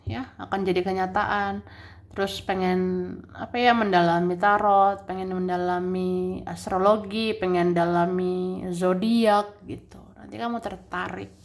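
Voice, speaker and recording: A woman's voice: lowish voice, fairly even intonation, a little slow. A woman giving a casual tarot reading, chatty, restating each point several times and laughing often. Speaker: tarot reader.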